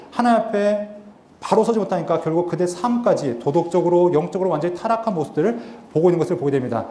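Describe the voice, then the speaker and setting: High-voiced Korean man lecturing in an echoey hall. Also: mellow. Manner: earnest, asks and answers his own rhetorical questions. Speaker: Bible seminar lecturer. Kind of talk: Bible lecture. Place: lecture hall at a theological university.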